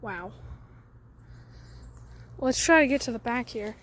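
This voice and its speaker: A woman's voice: fairly high pitch, expressive, slow pace, a little hiss or hum. Chatty woman vlogging outdoors in the woods. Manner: rambling, chatty, drops to near-whispers. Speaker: garage channel host. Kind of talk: casual walkaround vlog. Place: outdoors in woods by an old truck.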